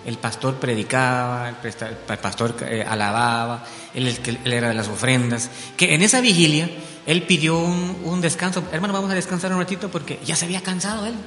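A man from Belize tells his church testimony in an earnest, storytelling way, checking in with the room through tag questions. His voice sits mid-range and rings around a long, echoey hall. Soft music plays faintly underneath. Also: medium pitch, normal speed. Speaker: church member giving testimony. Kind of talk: spoken testimony.

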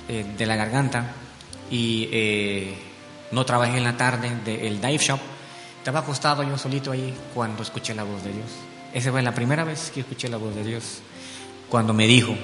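Man giving earnest church testimony, echoey. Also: mid-range voice. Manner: earnest storytelling, tag questions. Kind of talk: spoken testimony. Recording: echoey hall with soft music.

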